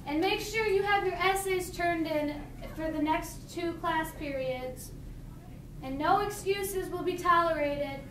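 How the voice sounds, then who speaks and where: A woman's voice: very high voice, a little slow, fairly bright tone. A young woman playing a stern, defiant teacher turned hero, declaiming grandly in an amateur play. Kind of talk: amateur school play acting. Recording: echoey, noisy room, distant mic.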